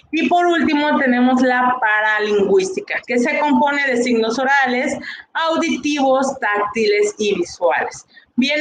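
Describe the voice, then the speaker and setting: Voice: medium pitch, a bit bright. A teacher with a Mexican accent, giving a recorded online class lecture in an explanatory way, often saying "bien" and asking rhetorical questions. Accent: Mexican Spanish. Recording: echoey room, faint background noise.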